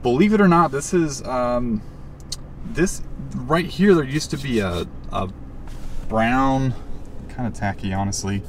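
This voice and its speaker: A man casually walking through the gear mounted in his truck cab, with lots of fillers and a rambling, relaxed manner. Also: medium pitch, measured pace. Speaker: overlanding vlogger. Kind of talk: casual equipment walkthrough. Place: inside a parked truck cab. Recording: distant mic with audible background noise.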